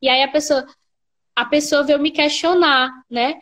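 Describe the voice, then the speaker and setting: High-voiced Brazilian woman explaining. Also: steady tone, normal speed, a bit bright. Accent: Brazilian Portuguese. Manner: explanatory, lots of filler tags. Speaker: guest, writing teacher. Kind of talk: casual interview chat.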